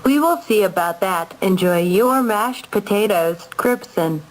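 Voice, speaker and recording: A man's voice: high voice, lively intonation, measured pace. A young man putting on a creepy robot voice that gives ominous warnings, in a noisy home recording. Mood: menacing.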